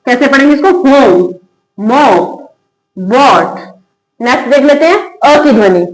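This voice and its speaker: A woman teaching English phonics as a lesson. She asks questions and answers them herself, and repeats example words slowly. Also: high voice, lively intonation. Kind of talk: classroom-style phonics lesson. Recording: echoey room.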